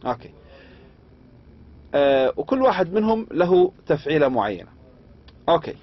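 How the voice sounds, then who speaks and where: Husky Arabic-accented lecturer, lo-fi recording. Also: male voice, fairly high pitch, big pitch swings. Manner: slow deliberate reading with quick asides in Arabic. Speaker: university lecturer. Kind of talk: lecture explaining English meter, mixing English and Arabic.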